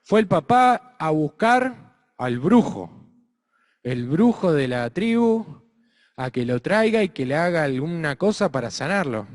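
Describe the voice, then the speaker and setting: An adult man with an Argentine accent narrates a story to children, expressive and stopping to ask his listeners questions. His voice sits a little high. The sound carries a long echo, as from a large hall. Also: measured pace. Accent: Argentine Spanish. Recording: reverberant hall.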